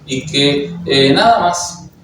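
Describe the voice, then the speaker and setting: A man's voice: a little high, lively intonation, slow pace, over music. A Uruguayan man with a Uruguayan Spanish accent preaching to a congregation, hesitant, with many fillers and restarts. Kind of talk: sermon. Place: church hall. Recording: very echoey hall, heard from a distance.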